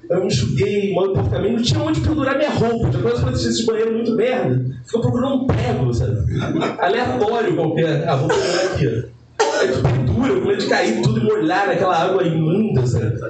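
Male comedian, high lively voice, heard from far off in an echoey venue with music behind. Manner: animated, profane, jumps in pitch to act out quotes. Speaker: comedian podcast host. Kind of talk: live comedic storytelling. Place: live show venue. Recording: very echoey live room, distant mic, music behind.

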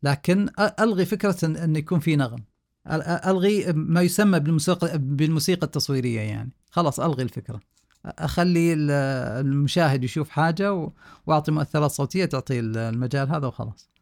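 A man, a sound engineer being interviewed on a podcast, explaining things slowly with many hesitations and restarts. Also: fairly high pitch, gravelly, a little mellow.

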